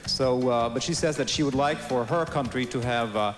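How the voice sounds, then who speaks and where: A man interpreting live on stage, somewhat halting in his delivery. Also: medium pitch. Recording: echoey hall, music behind.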